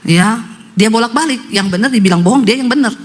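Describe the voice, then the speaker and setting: Animated woman pastor preaching. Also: on the high side, brisk. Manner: animated, joking, addresses congregation directly. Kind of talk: sermon.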